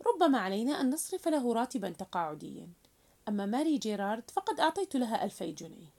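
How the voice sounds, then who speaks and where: A woman tells a novel's story aloud with a lively, rising and falling voice. Her tone is mellow and somewhat high. She narrates in an expressive storytelling manner.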